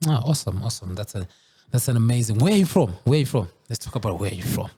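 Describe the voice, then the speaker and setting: A man hosting a casual interview, chatty, often repeating his words and throwing in quick interjections. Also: medium pitch, animated, dark tone, slightly rough. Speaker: host.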